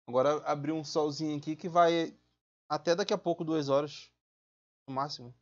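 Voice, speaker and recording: A man's voice: fairly high pitch, fairly even intonation, moderate pace, lo-fi sound. A man, chatting casually and rambling while he streams a game, exclaiming at what happens on screen. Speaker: gaming streamer. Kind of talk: casual let's-play commentary. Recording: loud game music behind voice.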